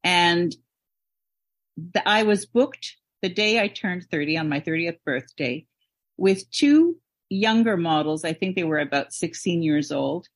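A woman's voice: on the low side, lively intonation, a little slow, no echo. A woman in her seventies from Canada, a model and podcast guest, tells her story in a candid, reflective way. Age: 70s. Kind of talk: interview storytelling.

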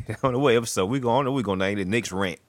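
A man's voice: fairly low pitch, quick pace, no room sound. A young man co-hosting a casual podcast, easygoing, laughing often and answering with short agreeing sounds. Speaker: podcast co-host.

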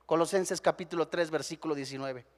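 A man's voice: a little high, fairly quick, big-room sound. A man with a Mexican Spanish accent preaching a sermon, emphatic and full of rhetorical questions.

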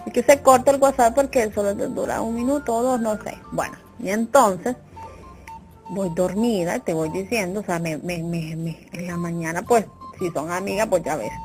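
A woman's voice: mid-range voice, normal speed, a little mellow, faint music behind. A young woman performing a chatty, exaggerated comic monologue and often checking that the listener follows her. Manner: chatty, exaggerated, keeps asking "you get me?". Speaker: comedian.

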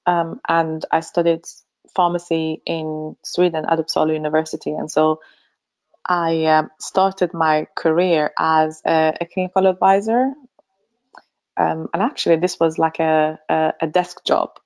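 A middle-aged Finnish woman, chief executive of a pharmacy association, is a guest in a remote interview. Her low, slightly mellow voice is unhurried and fairly even, and she speaks thoughtfully with many ums and easy laughter.

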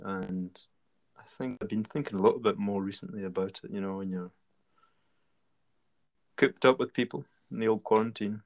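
Rambling man, fairly low voice. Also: moderate pace, long pauses, a little mellow. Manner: rambling, many fillers and restarts. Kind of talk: casual conversation.

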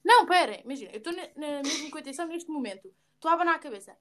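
A young woman with a European Portuguese accent in casual chat with a friend, quick and animated, often talking over her. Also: high-pitched.

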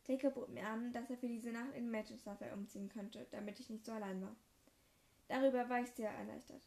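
A woman reads a first-person fan fiction story aloud in a plain, even manner. Her voice sits a little high for a woman, and the delivery stays steady. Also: fairly quick, gravelly.

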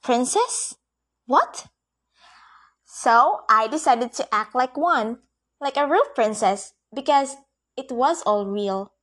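Woman reading a princess story, slow and earnest, slightly high voice, little grammar slips. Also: a bit bright. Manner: earnest, wide-eyed, with frequent grammar slips. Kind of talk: first-person fantasy story reading.

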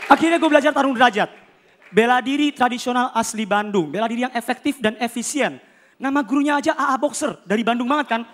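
A young man doing stand-up with a very high, bright voice that cuts through. He talks fast and acts out the characters in his stories with sudden shouts and switched voices. A faint hiss sits behind him on the recording. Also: a faint crowd. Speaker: stand-up comedian. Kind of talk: stand-up comedy routine.

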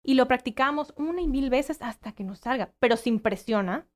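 A woman's voice: high voice, brisk. A woman, a guest who works with children, talking in a casual conversation and acting out quoted voices as she explains. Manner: animated, acts out quoted voices.

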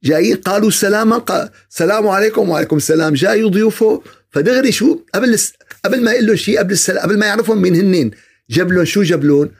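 Gravelly man giving a religious talk. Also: high voice, very fast. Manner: asks rhetorical questions and answers them himself. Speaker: religious speaker. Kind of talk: podcast religious talk on a prophet's life.

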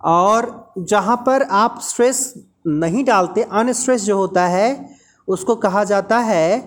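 A woman's voice: medium pitch, takes it slowly. Patient woman teaching pronunciation. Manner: patient, repeats examples aloud. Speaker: English teacher. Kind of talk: explaining a lesson.

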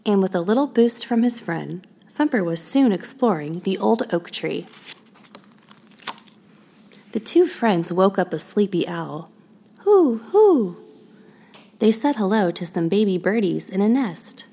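A woman narrating a children's picture book in a soft, measured storytelling manner. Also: medium pitch, gravelly.

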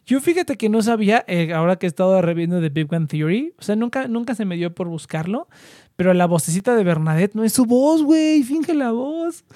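A man's voice: high-pitched, brisk, no room sound, studio quality. A young man with a Mexican accent chatting casually and jokily with friends online, full of slang. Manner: slangy, animated, playful with his voice.

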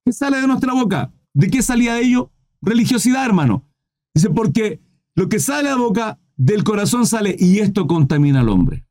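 Lively-pitched man preaching. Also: brisk. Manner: reads scripture aloud and preaches on it, with rhetorical questions; clears throat often. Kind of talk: live-streamed Bible teaching.

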